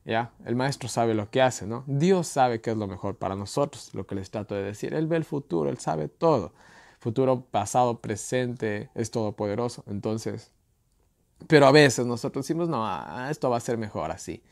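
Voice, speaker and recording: A man's voice: mid-range voice, lively intonation, moderate pace, gravelly, no room sound. A man teaching a Bible study. He reads scripture aloud with rising emphasis and tells little stories between the verses, often ending them with a questioning "no?". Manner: tells anecdotes with tag questions and light laughs. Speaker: preacher.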